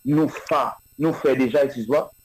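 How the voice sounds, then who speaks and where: A man, a music artist, answers interview questions in a relaxed way, often repeating and restarting his phrases. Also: medium pitch, measured pace, rough recording. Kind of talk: casual radio interview answers.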